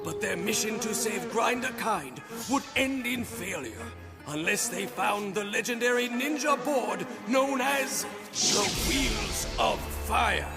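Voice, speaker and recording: A man's voice: high-pitched, creaky, heavily acted. A man voicing a pompous cartoon storyteller with a dramatic movie trailer delivery. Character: young male cartoon sidekick narrating in pompous storybook voice. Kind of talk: scripted cartoon narration.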